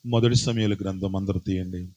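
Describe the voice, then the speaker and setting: A man's voice: sits low, fairly even intonation. Preaching pastor, man, bursts of rising force. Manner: preaching with sudden rising, forceful outbursts and congregation calls; slow, emphatic repetition of phrases. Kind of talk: sermon.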